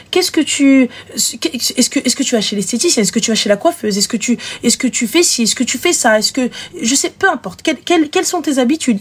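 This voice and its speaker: A woman hosting a live show, giving frank, animated relationship advice and acting out little scenes. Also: a little high, slightly rough. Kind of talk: casual advice chat.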